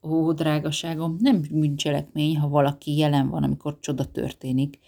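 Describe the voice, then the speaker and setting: A narrator doing a gruff sardonic old man. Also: mid-range voice, flat delivery, mellow, natural voice. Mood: soothing. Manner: dry, sarcastic lecturing.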